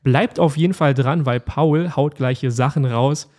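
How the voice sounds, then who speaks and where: A man's voice: mid-range voice, normal speed, a little mellow. A man hosting a podcast, who praises his guest with enthusiasm and speaks directly to his listeners. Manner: enthusiastic, effusive, talks to listeners. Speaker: podcast host. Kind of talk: casual podcast interview.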